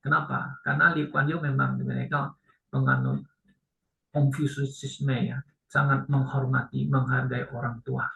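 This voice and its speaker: Male pastor preaching, bright edgy voice, tells stories and pitches up for quotes. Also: normal speed, gravelly, echoey room, rough recording. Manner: animated storytelling, raises pitch to act out quoted speakers. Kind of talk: sermon.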